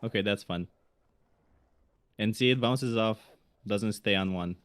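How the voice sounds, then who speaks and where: A man's voice: lowish voice, a little slow, clear, resonant tone. A man co-hosting a casual livestream, giving blunt, opinionated critiques of game jam entries. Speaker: stream co-host reviewing game jam entries.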